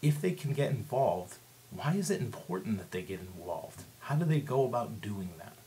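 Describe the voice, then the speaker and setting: Male teacher, lowish voice, casual explanatory screencast delivery, slight background hiss. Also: sing-song, moderate pace, dark tone. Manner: conversational, explanatory, asks rhetorical questions. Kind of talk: instructional screencast lesson.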